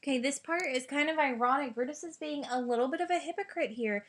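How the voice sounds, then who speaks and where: A woman's voice: high voice, fast. A woman teacher explaining and paraphrasing a Shakespeare scene for her class, chatty and amused.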